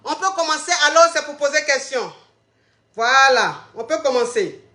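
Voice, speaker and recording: High bright woman hosting call-ins. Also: animated, normal speed. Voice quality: theatrical, sing-song hype announcements. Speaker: call-in show host. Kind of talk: animated live-stream chat. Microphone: phone or webcam on a live stream. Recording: roomy echo.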